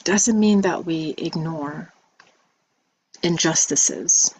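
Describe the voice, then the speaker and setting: A woman giving a spiritual message video, soft-spoken and reflective, with many pauses and ums. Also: deep voice, slight background noise, poor audio. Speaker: spiritual teacher.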